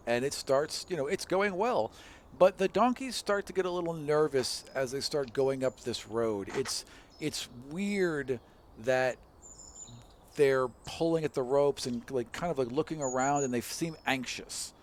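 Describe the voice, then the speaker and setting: A man running a tabletop game as dungeon master, his voice sitting at a middle pitch. He describes the scene in a relaxed, rambling way, with lots of "like" and "you know" along the way. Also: unhurried. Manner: casual, loose narration with many fillers.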